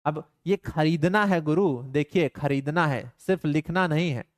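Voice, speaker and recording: A man's voice: a little high, unhurried, dry recording, studio quality. A young man teaching physics in a live online class, mixing stern banter with his students into worked problems. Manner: playful, scolding students in banter.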